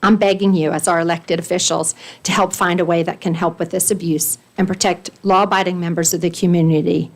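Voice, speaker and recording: A woman's voice: fairly low pitch, flat delivery, brisk, few pauses. A woman reading her own prepared statement at a county board meeting, earnest and pleading, stressing her points in lists. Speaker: resident speaking at public comment.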